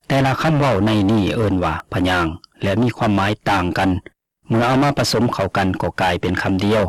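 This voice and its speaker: A man presenting a scripted radio talk, reading slowly and measuredly and pausing on spoken examples. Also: on the low side, no echo.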